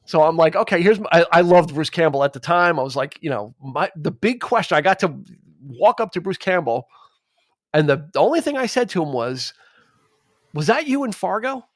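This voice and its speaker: Chatty, slightly high-voiced male podcast host. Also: brisk, no echo, clean studio sound. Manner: rambling, animated, quotes film lines. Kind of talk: casual chat.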